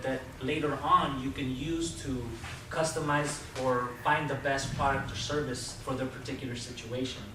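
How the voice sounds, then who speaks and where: A man giving an informal, persuasive sales presentation to a group, explaining his points directly to the listeners. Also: mid-range voice. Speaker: Toastmasters club speaker giving a sales talk. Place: indoor club meeting room with a live group. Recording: distant mic, very echoey room, clear noise.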